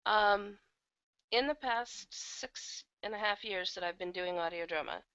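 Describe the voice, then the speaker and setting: Speaking unhurriedly in a medium-pitched, fairly bright voice that's clear and resonant with no echo, a woman chats casually as an interview guest. She's an audio drama producer and casting director, candid and self-deprecating about her work. Her computer microphone on the online call yields dull, lo-fi audio with uneven volume.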